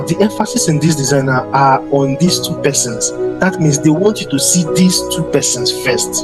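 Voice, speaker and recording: Male instructor, slightly high voice, halting lecture, music bed loud under him. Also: poor audio. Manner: repeats words and restarts, addresses students directly. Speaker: design instructor. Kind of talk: classroom lecture on slides. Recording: voice over strong background music.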